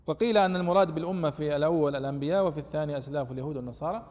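A man's voice: fairly high pitch, very fast, darkish tone, in a large hall. A man teaching a lesson on Quran commentary, explaining the text and raising his voice with emphasis on quoted verses.

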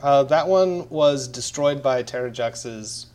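A man running a tabletop game as game master, narrating in a relaxed way with many fillers. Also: mid-range voice, slow pace.

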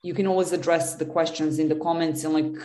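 A woman's voice: sits low, fairly even intonation, fast, mellow. A woman from Serbia, answering interview questions earnestly with many fillers and restarts. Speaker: guest, business development lead. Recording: roomy echo.

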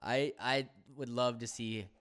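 A man's voice: mid-range voice, steady tone, measured pace, fairly bright tone. A man co-hosting a podcast, bantering casually and profanely about golf picks and laughing often. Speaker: podcast co-host.

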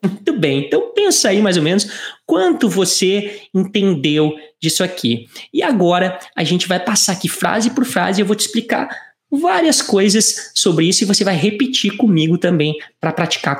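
An English teacher, giving a lesson and drawing out English phrases slowly for the listener to repeat. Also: medium pitch, big pitch swings. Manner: slow, drawn-out English phrases for repetition. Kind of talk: online language lesson. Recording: roomy echo.

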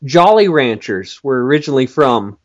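A man's voice: mid-range voice, sing-song, normal speed, lo-fi sound. A man chatting casually as a guest, hesitant and full of filler words. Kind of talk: casual chat.

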